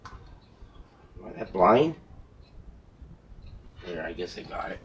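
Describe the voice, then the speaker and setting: Deep, husky and a bit bright, this man's voice is very animated yet slow. He works at a hobby bench, chatting to himself in a folksy way with some mild swearing. The workshop is noisy, with clicks and handling sounds.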